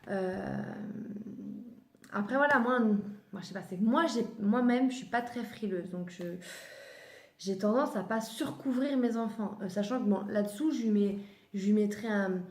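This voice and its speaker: Speaking at an ordinary pace and a medium pitch, this vlogger runs through children's clothes she's bought. She talks casually, frequently stopping to rephrase, and the space around her echoes.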